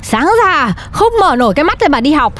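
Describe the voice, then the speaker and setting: A woman's voice: sits high, big pitch swings, a little fast, a bit bright. A woman playing an exasperated middle-aged mother who scolds her teenage daughter in a comedy sketch.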